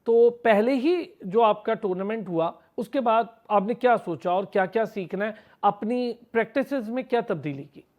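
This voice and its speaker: A man's voice: high voice, moderate pace, few pauses, darkish tone. A man from Pakistan with a Pakistani Urdu accent, interviewing an athlete on a TV sports show in long, multi-part questions full of praise.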